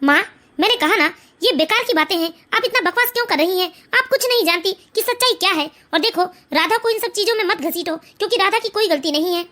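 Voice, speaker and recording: A woman voicing a newly married young son in an animated family story, firm and defensive. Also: very high-pitched, quick pace, exaggerated voice.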